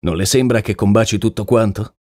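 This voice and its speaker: A man voicing a shrewd, calm male detective in an audiobook, asking measured questions. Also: fairly low pitch, no echo, studio quality, close to an everyday voice. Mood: probing. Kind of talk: audiobook character reading.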